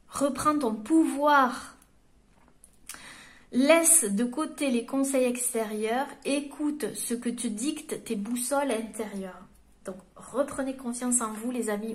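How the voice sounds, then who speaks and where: A French woman giving a spiritual card reading, gently reading quotes aloud and encouraging her viewers. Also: a little high. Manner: gentle and encouraging, reads quotes aloud then explains them.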